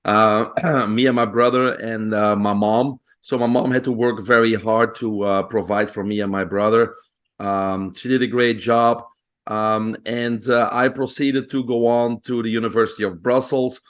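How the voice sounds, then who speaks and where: A man in his fifties from Belgium with a Belgian accent, a guest on an interview podcast, telling his life story in a relaxed way with frequent pauses. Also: on the low side. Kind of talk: conversational interview.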